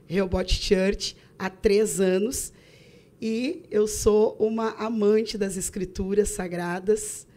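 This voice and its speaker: A woman pastor answers questions in a podcast interview. Her voice is mid-pitched and her delivery measured and earnest. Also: steady tone, dark tone. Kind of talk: podcast interview self-introduction.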